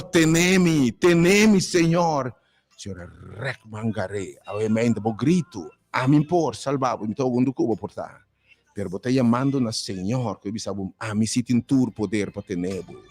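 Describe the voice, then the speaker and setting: A man's voice: mid-range voice, moderate pace, a little mellow. A man, a radio pastor praying fervently for callers in rhythmic repeated pleas. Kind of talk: live radio prayer call-in.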